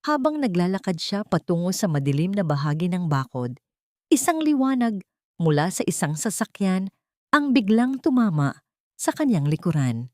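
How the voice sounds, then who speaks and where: A woman with a Filipino accent narrates a dramatic story audiobook-style, very animated at a normal speed. Her voice is on the low side and a little mellow, recorded at studio quality with no room sound.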